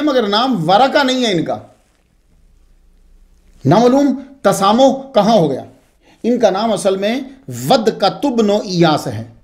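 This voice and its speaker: A man giving a religious history lecture, telling it expressively with frequent asides. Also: sits high. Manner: expressive, digressive storytelling with asides.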